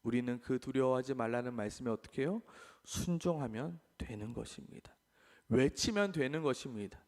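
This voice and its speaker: A man preaching a sermon as pastor, animated, acting out the voices he quotes. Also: mid-range voice, moderate pace. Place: living in Australia. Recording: long hall reverb.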